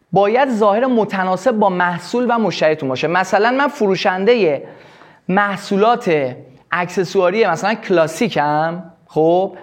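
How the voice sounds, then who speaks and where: A man teaching a live sales workshop, explaining with quick acted examples. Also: sits high. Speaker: sales trainer.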